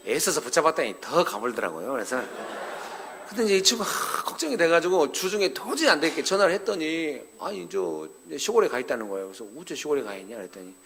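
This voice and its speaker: A male pastor delivers a sermon at a parents' seminar, telling a story conversationally, acting out its dialogue and addressing the elderly members of the congregation directly. His voice is on the high side, creaky and a little bright, with slight background noise.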